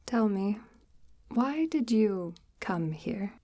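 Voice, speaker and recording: A woman with a medium-pitched voice and lively intonation plays a sinister forest witch luring a lost traveler in a slow, intimate ASMR roleplay monologue. Her voice is breathy and often near-whispered, her mood probing and sly. She speaks unhurriedly in a formal, archaic-tinged, gently menacing way, soft-spoken and coaxing.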